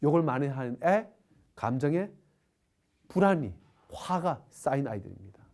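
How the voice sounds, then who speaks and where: A woman's voice: low-pitched, very animated, moderate pace, a little mellow. A middle-aged woman giving a parenting lecture, asking the audience rhetorical questions. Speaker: parenting educator.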